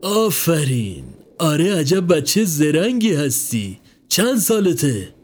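A man voicing a kindly older man who keeps a basket of rabbits, asking slow, teasing, coaxing questions. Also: high-pitched, expressive, darkish tone.

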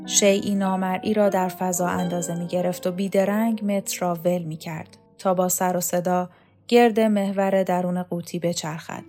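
A woman reading a novel aloud as audiobook narrator, calm and measured. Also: fairly low pitch, faint music behind. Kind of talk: scripted literary narration.

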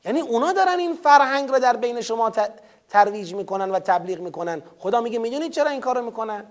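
Very high-voiced man teaching scripture. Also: animated. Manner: recites Arabic verses, then explains with rhetorical questions. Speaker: Quran commentary teacher. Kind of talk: religious lecture on scripture.

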